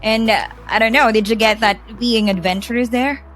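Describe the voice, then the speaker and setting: A woman's voice: fairly high pitch, moderate pace, faint music behind. A woman hosting a startup podcast, reading a scripted intro and chatting in an upbeat way over a video call. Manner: upbeat, warm welcomes, light laughter. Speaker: podcast host. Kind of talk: scripted intro and casual interview.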